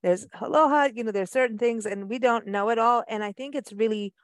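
Higher-pitched woman hosting, dry close sound. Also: brisk, dry recording. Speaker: host. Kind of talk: casual interview chat.

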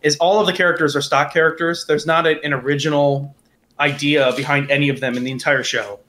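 Man podcast host, bright tense voice, somewhat high, rambling and profane. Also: fairly even intonation, fast talker. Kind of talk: casual chat.

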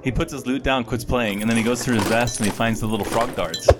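A man's voice: mid-range voice, fast talker, heavy background noise. A man playing a tabletop game, casually narrating what his character does. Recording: music behind the voice.

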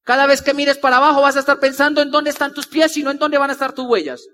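A man rallies a convention audience in a high, piercing voice, repeating his points and acting out the people he quotes. His words ring out with a long echo through a large hall. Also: fast talker. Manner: animated, repetitive, acts out quoted people. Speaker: motivational speaker. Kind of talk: energetic motivational talk to a crowd. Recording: live talk with long hall reverb.

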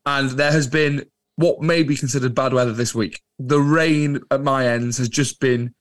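A man's voice: medium pitch, fairly even intonation, moderate pace, dry recording. A young man co-hosting a podcast in casual conversation, emphatic and repeating himself for effect. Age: younger adult. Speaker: podcast co-host. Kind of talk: casual chat.

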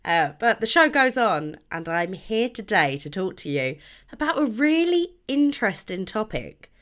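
Podcast host, female, bunged up and nasal with a cold, animated melody, informal solo delivery. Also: medium pitch, normal speed. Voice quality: nasal, stuffy nose from a cold.

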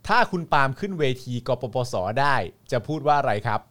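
A man's voice: mid-range voice, brisk. A young man hosting a casual live stream, reading viewer comments and joking with a co-host. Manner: joking, animated, laughs often, swears casually.

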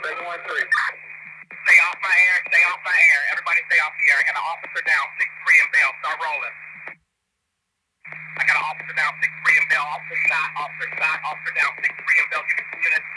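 A man's voice comes through a tinny police radio channel, thin and pitched high, buried under loud hiss. He issues urgent, rapid dispatch calls with clipped command. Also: little pitch movement. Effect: police radio transmission.

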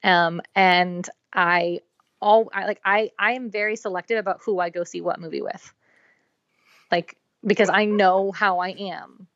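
A woman's voice: medium pitch, steady tone, measured pace, fairly bright tone, no echo. A woman co-hosting a podcast in casual chat, talking chattily with many "um" and "like" fillers. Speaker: podcast co-host. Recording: dull, dry, lo-fi recording.

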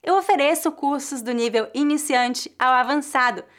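A woman with a Brazilian accent giving a scripted language lesson, saying model phrases slowly and clearly, then repeating them. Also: high-pitched, fairly bright tone. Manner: slow, carefully articulated model phrases repeated at varying speeds. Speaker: Portuguese teacher.

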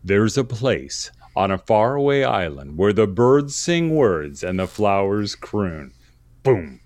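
A man putting on a movie-trailer announcer voice, reading slowly and weightily. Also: on the low side, very animated, darkish tone, no room sound, full character voice. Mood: dramatic. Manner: slow, weighty trailer delivery.

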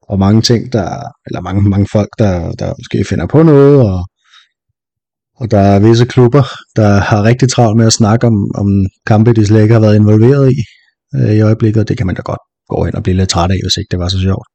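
A man speaking as a guest panelist on a casual football podcast, relaxed and wry, with many hesitations. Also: lowish voice, creaky, no echo.

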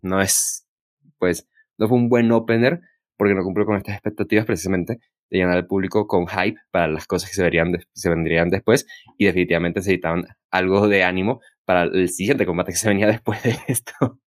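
Low-voiced man in casual review chat. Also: steady tone, brisk, no room sound, studio quality. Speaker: podcast co-host reviewing wrestling.

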